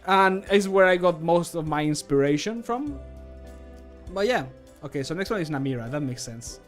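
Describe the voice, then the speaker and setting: A man chats casually on a livestream while he works, joking and swearing freely. He's a streamer and amateur voice actor with a higher-than-average, expressive voice at normal speed, and music plays in the background.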